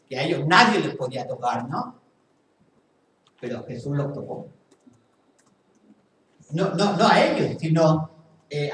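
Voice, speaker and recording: Preaching earnestly in a church hall, this pastor speaks with a Spain Spanish accent and a fairly bright voice pitched slightly high for a man, saying key phrases twice over for emphasis. The microphone is far off, leaving the sound very echoey with faint room noise behind it.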